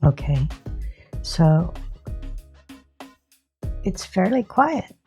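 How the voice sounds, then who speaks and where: Woman reviewer, voice-modulator filter, low and unhurried, halting filler-heavy delivery. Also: very animated, warm tone, faint music behind. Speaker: product reviewer. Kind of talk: casual product review.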